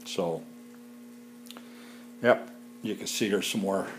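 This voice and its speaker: A rough recording with a little hiss or hum captures a deep-voiced man taking it slowly as he walks through his home garage. He's a home mechanic reviewing a tool on a handheld phone, talking unscripted and matter-of-fact with lots of fillers.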